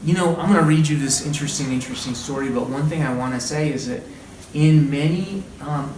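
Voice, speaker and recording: Leading an interactive read-aloud lesson at an indoor group training session, a man speaks encouragingly and conversationally, echoing back what his listeners say. His voice is a little high and darkish in tone, and he talks briskly. The recording is roomy and distant, with clearly audible room noise.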